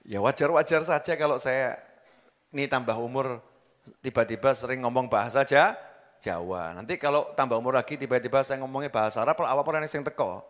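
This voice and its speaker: A man's voice: medium pitch, a little fast, long reverb tail. A man with a Javanese accent preaching a sermon, joking and quizzing his audience as he goes. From Java, Indonesia. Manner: jokey, asks the crowd questions, mixes in local dialect.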